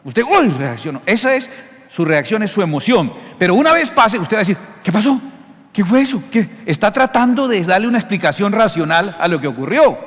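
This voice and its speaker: Pastor guy preaching, pretty high voice, lively jokey teaching, big hall echo. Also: a little fast. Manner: animated, jokey teaching with frequent check-in questions. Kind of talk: sermon. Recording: long hall reverb.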